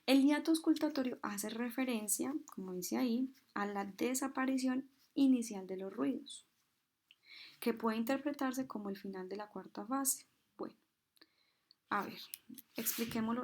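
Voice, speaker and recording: A woman's voice: on the high side, moderate pace, darkish tone. Woman teaching vital signs over noise. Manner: mimics heartbeat sounds with "tun"; asks questions and answers them herself. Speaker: instructor. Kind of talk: explaining a medical procedure on a whiteboard.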